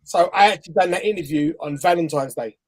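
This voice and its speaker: Speaking quickly in a voice on the high side, a man with a Bajan accent laughs and rambles through a story. He's a guest interviewer in a casual live chat, on a video call from home.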